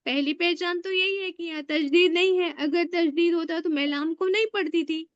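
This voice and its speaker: Woman, Arabic grammar teacher, high voice, dry dull online class audio. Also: fairly even intonation, no echo. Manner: slow and spelling out letters one by one; asks the class questions often. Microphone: online video call.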